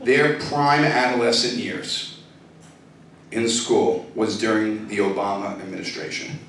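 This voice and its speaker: A man's voice: on the low side, steady tone, a little slow, vocal fry, a bit bright, a little hiss or hum. A man in his thirties doing a profane stand-up comedy set, working the crowd in a comedy club. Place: comedy club stage with laughing audience. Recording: echoey club, distant mic, crowd laughter.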